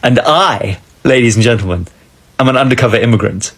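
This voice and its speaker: A man's voice: mid-range voice, fairly quick, a bit bright, husky. A South African man in his forties, speaking earnestly and a bit wryly straight to a phone camera. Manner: earnest, wry, direct to camera. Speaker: commentator. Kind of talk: casual chat. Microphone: phone camera close up.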